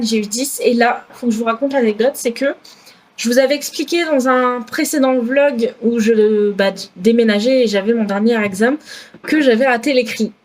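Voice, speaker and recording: A woman's voice: fairly high pitch, darkish tone. Chatty young French woman vlogging. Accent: southwest French. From France. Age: 20s. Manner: chatty, many fillers and self-corrections. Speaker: student vlogger. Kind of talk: casual vlog talk.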